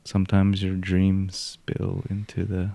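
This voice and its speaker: Man, very deep voice, dark and gravelly, laid-back podcast co-host. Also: completely flat delivery, slow pace, dry recording. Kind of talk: casual chat.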